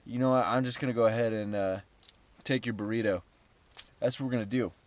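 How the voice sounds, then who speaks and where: Brisk and steady, a mid-range male voice rambles through stories about his startup in a casual vlog. The young man is upbeat and full of jokes, and there's no echo on the recording.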